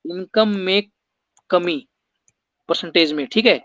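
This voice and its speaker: A man's voice: high voice, takes it slowly, fairly bright tone, no echo, lo-fi sound. A man teaching an exam-prep maths lesson, explaining step by step and putting rhetorical questions to his students.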